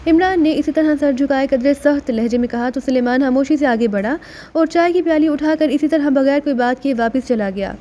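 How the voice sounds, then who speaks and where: High, mellow-voiced woman narrator. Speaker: audiobook narrator. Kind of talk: scripted audiobook narration.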